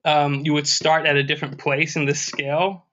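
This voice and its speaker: Halting music lecturer, slightly high voice. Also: male voice, little pitch movement, pushed and bright. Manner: halting, many fillers and restarts, scats rhythms. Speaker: music history instructor. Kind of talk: recorded music history lecture. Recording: dull lo-fi lecture recording.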